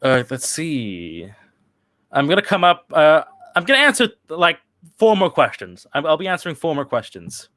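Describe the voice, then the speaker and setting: Answering live chat questions on his livestream, a young Swedish host rambles casually, halting often with fillers and restarts. His voice sits on the high side, very animated and a bit bright, in a dry recording.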